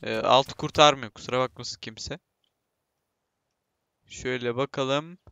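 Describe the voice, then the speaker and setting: Bright-voiced man chatting over gameplay. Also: medium pitch, unhurried, gravelly, clear, resonant tone, dry recording. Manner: chatty, talks to himself and viewers, bursts into excited shouts; self-mocking, laughs often. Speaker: gameplay streamer. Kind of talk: casual gameplay commentary.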